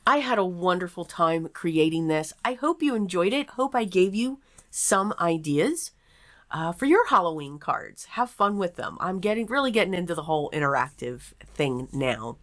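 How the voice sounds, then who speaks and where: A slightly low-voiced woman hosts a card-making tutorial in a casual, chatty way. She thinks aloud as she works at a small table. Her voice echoes around the nearly empty craft room. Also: sing-song, normal speed, a bit bright. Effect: echo from a mostly empty room. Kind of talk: step-by-step craft tutorial narration.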